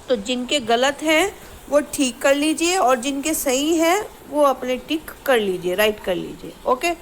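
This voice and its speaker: High-voiced woman teacher explaining grammar. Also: slight background noise, rough recording. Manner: explains patiently, asks the class questions, reads sentences slowly. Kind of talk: Hindi grammar lesson to schoolchildren.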